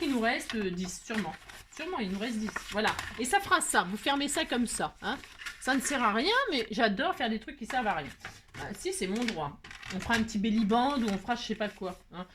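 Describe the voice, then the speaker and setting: A woman's voice: a little high, noisy background. A middle-aged woman hosting a casual crafting tutorial at her table, chatty and self-mocking, laughing at herself.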